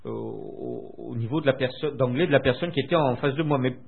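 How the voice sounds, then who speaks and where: An older French man being interviewed, recalling his past in a hesitant way with many filler pauses, heard over a tinny phone line. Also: mid-range voice, huge pitch swings, vocal fry, slightly rough. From France. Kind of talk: recounting memories in conversation.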